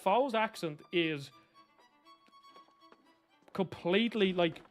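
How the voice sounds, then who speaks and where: A man with a Dublin accent chats over his gameplay in a high, light voice. He rambles and tosses out opinions in a loose, casual way. Faint game music plays underneath. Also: takes it slowly. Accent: Dublin Irish. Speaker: gaming YouTuber.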